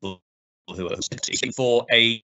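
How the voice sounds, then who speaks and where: A man's voice: medium pitch, slow, sharp tone. A man speaking as a panel guest over a video call whose connection breaks up, his words hesitant and full of restarts. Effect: audio breaking up on a dropping video-call connection. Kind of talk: online panel discussion. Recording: muffled, lo-fi video-call audio.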